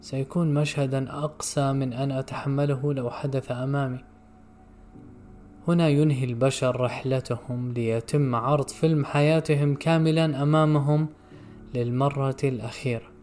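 A man narrating a literary story in a measured, somber way. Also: medium pitch, steady tone, a little mellow. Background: faint music.

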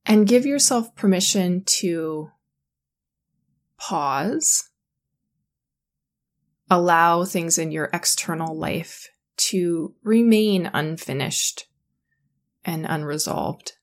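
A woman guiding a sleep meditation in a calm, soothing, slow manner. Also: fairly low pitch. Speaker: meditation guide.

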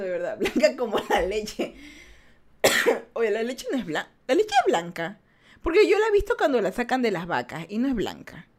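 Woman, twenties, streamer, slightly high voice, casual, teasing, laughs often. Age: 20s. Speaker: streamer reading live chat. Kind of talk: casual chat.

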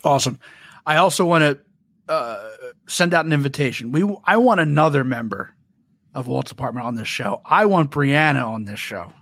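A man's voice: mid-range voice, lively intonation, moderate pace, fairly bright tone, no room sound. A man hosting a casual podcast chat, chatty and reading out listener comments. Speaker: podcast host.

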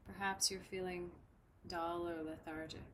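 A woman guiding a breathing meditation in a soft, soothing, unhurried way. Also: lowish voice, level tone, a little hiss or hum. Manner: slow, soft, soothing instruction. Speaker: meditation guide. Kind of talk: guided meditation.

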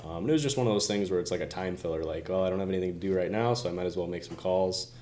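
A man in a casual podcast chat as a real estate agent, talking in quick bursts full of fillers. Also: deep voice, a little mellow, a little hiss or hum.

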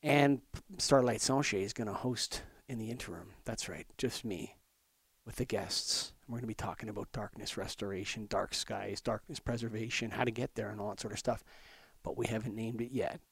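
A man's voice: fairly low pitch, fairly even intonation, moderate pace, creaky, slightly rough, dry recording, clean studio sound. A man hosting a podcast in a loose, casual way, often restarting and stumbling over words. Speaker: podcast host. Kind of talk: casual interview chat.

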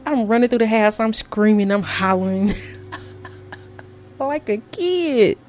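A middle-aged woman vlogging to her viewers in a casual, storytelling way, excitable and given to dramatic repetition. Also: medium pitch, measured pace, a little hiss or hum.

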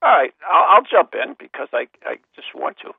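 A man's voice: mid-range voice, huge pitch swings, brisk, vocal fry, slightly rough, no room sound. A man co-hosting a talk show over a phone line with a headset, his voice thin and tinny. He chats and tells stories in a rambling, joking way and often trails off mid-sentence. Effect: tinny sound through a phone-line headset mic. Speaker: co-host of a paranormal talk show. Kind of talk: casual radio chat and storytelling.

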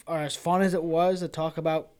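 Rambling, stubborn higher-voiced co-host. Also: male voice, flat delivery, crowd noise. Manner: stubborn, rambling, halting restarts. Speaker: podcast co-host. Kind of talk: casual sports chat.

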